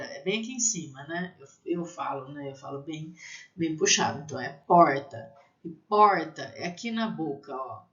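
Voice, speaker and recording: A woman from Brazil teaching technical French to pastry students, spelling out sounds slowly and often checking in with "né?". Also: fairly low pitch, a bit bright. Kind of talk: language lesson for pastry students. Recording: slightly dull lo-fi recording.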